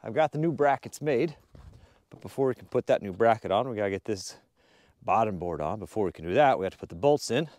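A man's voice: on the low side, animated, fast talker, darkish tone, no echo. A young man chatting casually while he builds a barn outdoors, explaining each step as he works. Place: outdoor wooded building site. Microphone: action camera mounted near the work.

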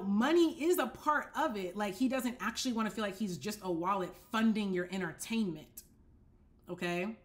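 A young woman hosting a casual dating-advice talk from her apartment, speaking straight to the camera, animated and direct, often checking that listeners follow. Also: mid-range voice. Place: apartment living room, indoors.

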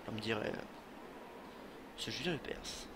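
Over game music, a young male let's play streamer casually commentates on his gameplay, joking, cursing and chatting with his viewers. His voice is fairly low-pitched and a little slow.

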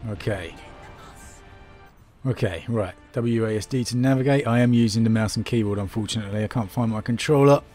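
A man's voice: on the low side, a little fast, darkish tone, soft background music. A man giving casual gameplay commentary as he plays. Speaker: let's player commenting on a game.

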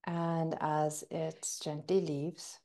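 Gentle and soothing, this meditation teacher leads breathing practice in a low-pitched voice with a level tone. Her pauses linger.

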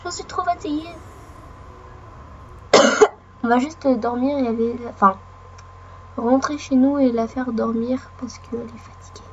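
A woman with a hoarse voice from a cold, sniffling while chatting and rambling through casual gameplay commentary, talking to the game and her viewers. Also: on the high side, steady tone, measured pace, lo-fi sound, a little hiss or hum. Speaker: let's play gamer.

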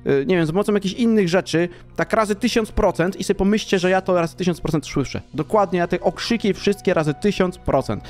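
A young man casually commenting on his gameplay, chatty and exasperated, sometimes yelling at the game, over a desk mic. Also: sits high, fast, hardly any pauses, soft background music. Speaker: gaming YouTuber. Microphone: desk mic with in-ear headphones.

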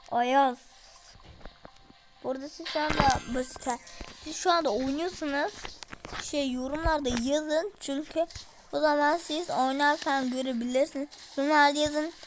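A woman giving casual, excitable commentary on her gameplay and talking to her viewers. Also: high voice, background noise. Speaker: gaming streamer. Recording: music playing in the background.

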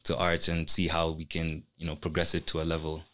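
Extremely deep and completely flat, this young man's voice runs a little fast with a bit of brightness. As an artist guesting on a casual podcast, he discusses his work earnestly and reflectively, captured by a stand microphone in a small indoor studio.

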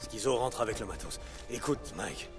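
An actor playing a gruff, weary and blunt biker drifter in a video game, muttering his lines. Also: lowish voice, moderate pace, over music, lightly acted. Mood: insistent. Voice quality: gravelly. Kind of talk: video game voice acting in a French dub.

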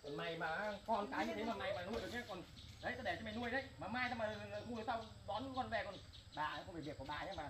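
A man's voice: sits high, very fast, a crowd in the background, natural voice. A man playing a contemptuous ex-husband who hurls insults. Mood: threatening. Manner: belligerent, insulting, dismissive. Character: angry, contemptuous young ex-husband.

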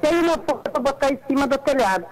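A woman's voice: high-pitched, lively intonation, racing, crowd noise. A woman calling in to a radio talk show over the phone, answering in short plain replies. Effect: caller heard over the phone line.

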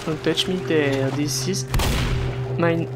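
A let's play gamer commenting casually on gameplay, excitable and joking, with yelps and non-native English phrasing. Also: medium pitch, slow. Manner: excitable, yelps and laughs, jokey asides. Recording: game music and gunfire under the voice.

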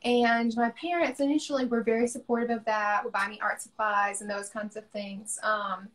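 A woman's voice: on the high side, little pitch movement, moderate pace, a bit bright. A young woman from the American South, an artist talking thoughtfully about her work over a video call, with frequent ums. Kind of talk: casual conversation on a livestream.

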